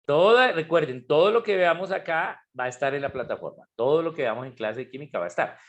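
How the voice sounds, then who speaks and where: A man with a higher, fairly bright voice talks quickly and animatedly as he teaches chemistry online, though the recording sounds muffled. He explains step by step and often asks whether students follow, using a computer mic on a video call.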